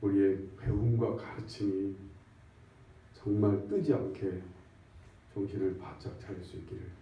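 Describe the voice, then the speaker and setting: A man in his sixties, a pastor, preaching in a conversational style that swings from loud emphatic bursts to hushed near-whispers. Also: sits low, fairly even intonation, unhurried. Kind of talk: sermon. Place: church sanctuary. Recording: echoey dull church recording from far off.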